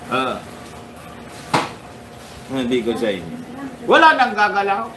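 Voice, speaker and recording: A man's voice: medium pitch, wildly swooping pitch, takes it slowly, far from the mic, noisy background. A man hosting a casual political commentary livestream, chuckling often and greeting his viewers by name. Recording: echoey room.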